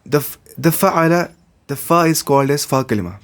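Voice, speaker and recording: A man's voice: fairly high pitch, animated, a little fast. A man teaching an introductory grammar lesson, repeating terms and examples and glossing each one in English. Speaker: Arabic teacher.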